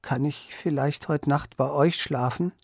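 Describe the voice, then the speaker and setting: A man's voice: on the high side, fairly even intonation, unhurried, vocal fry, darkish tone, husky, no echo, studio quality, full character voice. A man voicing a shy, secretive boy who pleads and hesitates, near tears. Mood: pleading.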